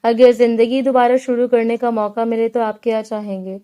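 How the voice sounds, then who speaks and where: A bashful young wife from a romance audiobook, read by a woman, speaking softly with gentle teasing. Her voice is fairly high and mellow, with a smooth finish. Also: flat delivery, natural voice. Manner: soft, gentle and playfully teasing. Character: shy, playful young wife in love. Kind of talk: audiobook character reading.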